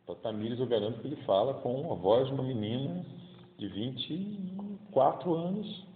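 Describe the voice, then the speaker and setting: A Carioca man in his fifties delivers a relaxed daily homily. His pitch rises and falls freely, and he slips into the voices of the people in his stories. The sound is narrow and tinny, and it echoes around a large room. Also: moderate pace, a little hiss or hum. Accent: Carioca Brazilian Portuguese. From Rio de Janeiro, Brazil. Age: 50s. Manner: colloquial, acts out voices in stories. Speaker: preacher.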